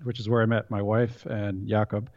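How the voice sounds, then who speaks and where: A man's voice: on the low side, level tone, normal speed, a little mellow, no room sound. A man in his thirties with a Canadian accent, a guest in a casual interview, rambling with many fillers and restarts. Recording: dull, dry lo-fi sound.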